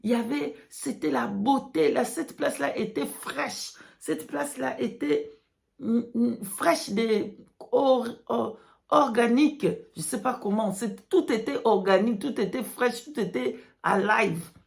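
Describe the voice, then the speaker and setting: Female preacher, higher register with fry, non-native broken French sprinkled with English, emphatic testimony to the faithful. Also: animated, measured pace. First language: not French. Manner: emphatic, repeats phrases for effect. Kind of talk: religious testimony addressed to followers.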